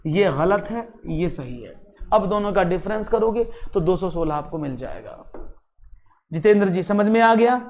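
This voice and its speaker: एक पुरुष गणित शिक्षक ऑनलाइन परीक्षा-तैयारी कक्षा पढ़ाते हुए, जोश से और मनाते हुए बोलता है, हिंदी में अंग्रेज़ी शब्द मिलाता है।. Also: male voice, sits high, moderate pace. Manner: lively, coaxing, mixes English terms into Hindi. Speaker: maths teacher. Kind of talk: online exam-prep class.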